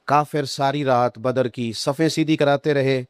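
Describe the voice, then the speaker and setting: A male preacher with a Punjabi accent, telling stories in a sermon and rising high and emphatic on quoted lines. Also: steady tone, clear, resonant tone, no room sound, studio quality. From Pakistan.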